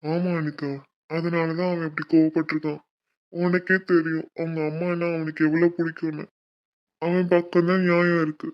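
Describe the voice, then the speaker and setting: A woman doing a calm, low-voiced young guy. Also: normal speed, lo-fi sound, close to an everyday voice. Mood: earnest. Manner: soothing, reasoning. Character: calm young male college friend, level-headed peacemaker.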